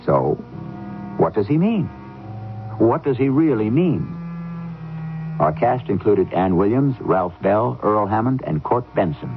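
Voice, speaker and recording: A tinny radio broadcast with music behind a male host. His low voice is very expressive, theatrical and wry, with dramatic pauses in scripted narration. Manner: theatrical, wry, pausing for effect.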